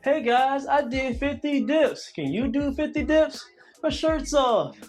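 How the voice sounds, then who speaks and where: A man puts on a boastful young show-off at the gym, his voice pitched high and bright as he begs for attention. The tone is cocky and showy, all swagger, with a lifted, sing-song bounce over a faint bed of music. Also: lively intonation, unhurried. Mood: mocking. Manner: bragging, attention-seeking.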